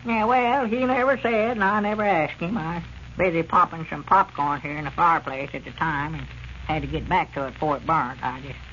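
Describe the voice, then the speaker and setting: Naive old southern country fella, high sharp voice, folksy stammery, muffled 1930s radio comedy. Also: male voice, fairly even intonation, a little fast, a little hiss or hum. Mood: folksy, eager. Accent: rural Southern US. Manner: folksy, hesitant, repeating himself. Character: excitable, naive old country storekeeper, male.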